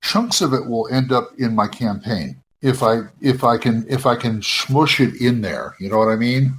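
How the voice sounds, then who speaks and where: A man's voice: medium pitch, normal speed, fairly bright tone, slight background noise. A man of about sixty hosting a casual gaming podcast. He rambles and often restarts his sentences. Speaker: podcast host. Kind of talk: casual chat.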